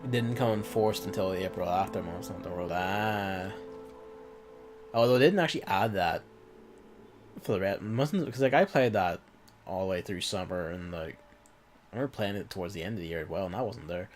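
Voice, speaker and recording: A man's voice: low-pitched, fairly quick, over music. A man with an irritated throat and a cough, rambling through casual let's-play commentary with offhand swearing and muttered asides. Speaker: gaming video host.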